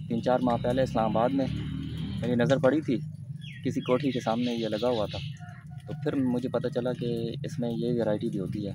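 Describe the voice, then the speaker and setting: A man with a Pakistani Urdu accent talks through his plants in a relaxed, explanatory way, slowing down to spell out a plant name. His voice sits at an ordinary middle pitch. The outdoor recording carries a clear layer of background noise. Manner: unhurried, explanatory, spells words out letter by letter. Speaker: gardening vlogger. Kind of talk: casual gardening walkthrough.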